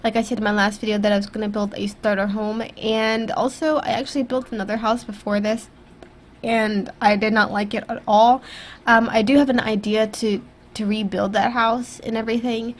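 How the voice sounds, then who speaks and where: Still stuffy and throaty from being sick, a young woman who makes YouTube gaming videos talks over her footage in a fairly quick, flat, medium-pitched voice. She rambles, criticizes herself, and uses many fillers, and her USB desktop mic adds a little hiss or hum.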